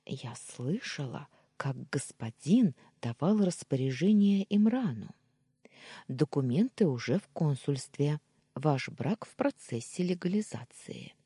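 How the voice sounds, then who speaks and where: A woman voicing a shy, eager young maid in her twenties, speaking in a hushed, pleading way. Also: low voice, big pitch swings, a little slow, husky, dry recording, clean studio sound, exaggerated voice. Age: 20s.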